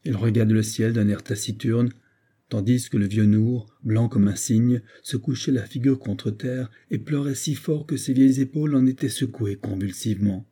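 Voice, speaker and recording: A man narrating an old story as an audiobook in a measured, even way. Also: mid-range voice, husky. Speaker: reader.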